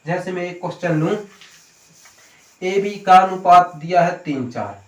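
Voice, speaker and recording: A maths tutor with a high-sitting voice and a measured pace gives an exam-prep lesson. He explains each step in turn, posing questions and then answering them himself. The room has an echo.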